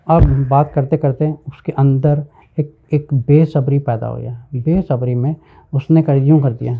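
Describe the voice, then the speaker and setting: A man's voice: medium pitch, steady tone, vocal fry. Earnest male preacher, phone-like sound. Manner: earnest, emphatic, mixes English words into speech. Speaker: Islamic preacher. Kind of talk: sermon.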